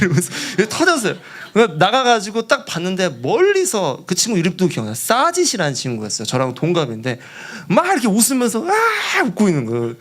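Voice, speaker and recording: A young man preaching as a junior pastor in a church, telling a story with animation, acting out quoted voices and laughing along. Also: on the high side. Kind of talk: storytelling sermon.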